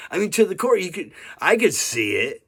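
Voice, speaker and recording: A man in his fifties vlogs to camera in a casual, rambling, earnest monologue, full of "right?" and "you know" and the odd chuckle. His voice sits high, with a sing-song lilt, a breathy edge and a brisk pace.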